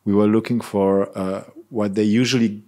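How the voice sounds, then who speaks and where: A band member from Switzerland, in his thirties, talks at normal speed in a casual interview, his low voice slightly mellow with little pitch movement. Earnest in manner, he keeps searching for words and restarting sentences.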